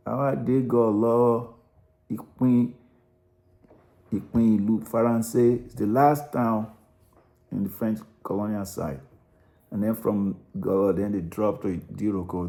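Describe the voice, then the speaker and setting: Low, mellow-voiced Nigerian man narrating. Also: vocal fry. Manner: rambling, self-correcting, repeats words. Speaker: narrator analysing a song. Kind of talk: unscripted spoken commentary.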